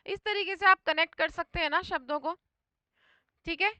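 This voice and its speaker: High bright voice, woman teacher explaining english words in hindi, dry close sound. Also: normal speed, no room sound. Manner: often repeats "thik hai" to check understanding. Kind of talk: exam vocabulary lesson.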